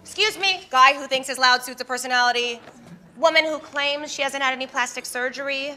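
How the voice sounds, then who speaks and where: A woman's voice: sits high, brisk, sharp tone, faint music behind. A woman playing a poised hostess who teasingly calls out her party guests in a commercial. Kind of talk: commercial acting.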